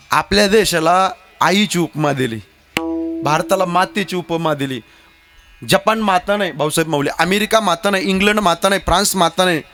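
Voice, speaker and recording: Rousing high-voiced kirtan preacher. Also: male voice. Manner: declamatory, rousing the crowd with chants. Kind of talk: devotional kirtan sermon.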